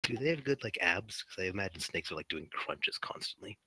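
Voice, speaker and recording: A man's voice: low-pitched, fairly quick, breathy edge, no echo. A man playing a tabletop game with casual, joking banter. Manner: animated, joking.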